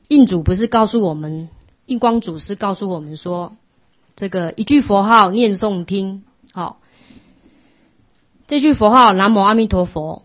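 A middle-aged woman, giving a patient, instructive Buddhist class lecture that often drops to a soft hush. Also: mid-range voice. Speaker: Buddhist teacher. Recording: lo-fi muffled recording.

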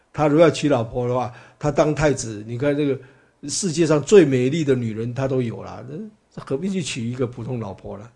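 A man's voice: mid-range voice, brisk, creaky, warm tone, slightly rough. A man giving a chatty Buddhist dharma talk as a teacher, full of fillers and rhetorical questions to his listeners. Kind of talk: dharma talk, storytelling lecture.

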